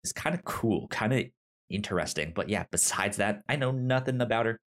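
A man with a lowish, expressive voice speaks fairly quickly as he co-hosts a podcast. He chats casually about comics and shows with geeky enthusiasm, often circling back to rephrase what he just said.

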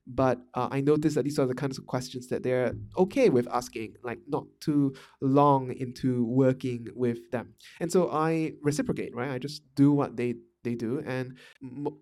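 A dark-toned, medium-pitched voice belongs to a Malaysian podcast host discussing management ideas. His casual monologue is thoughtful, full of fillers, and keeps restarting.

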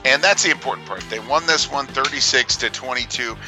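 A man gives live radio sports commentary in a medium-pitched voice. He ad-libs haltingly, and music is clearly audible behind him. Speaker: play-by-play sports announcer. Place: at a sports field.

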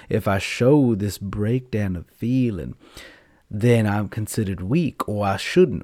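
A man with a campy, theatrical auntie-like manner and drawn-out words, talking casually and unscripted to his podcast listeners. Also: fairly low pitch, a little mellow, no room sound, clean studio sound. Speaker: podcast host and storyteller.

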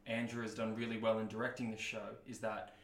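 A man's voice: on the low side, level tone, fairly quick, fairly bright tone. A young man of about twenty-one with a Queensland Australian accent, chatting casually in an interview as an actor. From Brisbane, Australia. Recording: echoey room.

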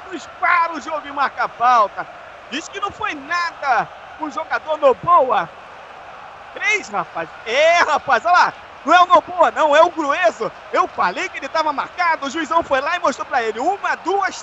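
A Brazilian man giving colloquial, animated live radio commentary on a football match. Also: very high voice. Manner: colloquial, animated play-calling. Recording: dull, lo-fi sound with faint noise.

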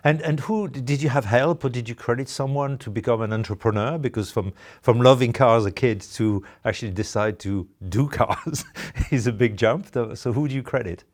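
A man's voice: medium pitch, moderate pace, few pauses. Male interviewer, scripted intro and questions. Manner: amused, laughs often between questions.

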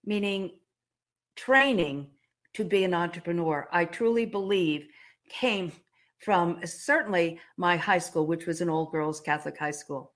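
A woman in her seventies hosting an interview, talking in a chatty way with many fillers and restarts, and coughing now and then. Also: on the low side. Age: 70s. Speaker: host. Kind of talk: casual interview chat.

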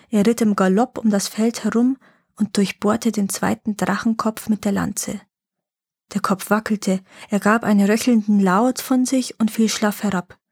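A woman narrating a fairy-tale legend in a calm, even reading voice. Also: medium pitch, husky, no room sound, studio quality.

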